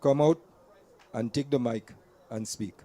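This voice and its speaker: At a community gathering, an invited speaker tells the audience a personal story in an earnest way at the event venue. His voice is warm and mid-range, his pace measured, and he repeats words whenever he restarts a sentence.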